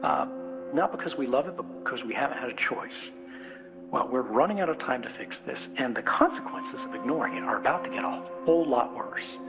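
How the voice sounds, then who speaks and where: An American conference speaker gives an informal, unscripted talk in a conversational, emphatic way, often checking in with rhetorical questions. He speaks briskly in a medium-pitched voice with lively intonation, and music is laid underneath the speech.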